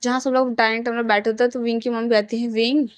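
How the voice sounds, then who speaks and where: Bright-voiced woman retelling a story. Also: on the high side, flat delivery, very fast, smooth, no room sound. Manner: plain conversational retelling with frequent restarts. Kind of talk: casual reading of a romance fan story.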